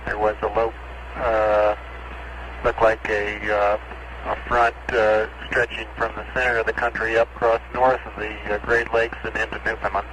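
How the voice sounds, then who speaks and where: A man's voice: fairly low pitch, little pitch movement, normal speed. A man speaking as an astronaut over a crackly space-to-ground radio link, in clipped radio procedure, reading numbers back. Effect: crackly space-to-ground radio transmission, archive recording.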